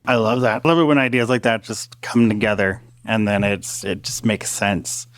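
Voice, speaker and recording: A man's voice: fairly low pitch, fairly even intonation, normal speed, no room sound. Enthusiastic podcast host man, dry sound. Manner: enthusiastic, warmly asking questions. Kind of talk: podcast interview.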